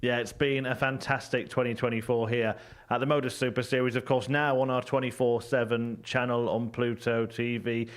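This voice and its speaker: A man presenting a darts show, announcing the coming year's events in a smooth, steady way. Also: mid-range voice, moderate pace. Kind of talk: scripted presenting.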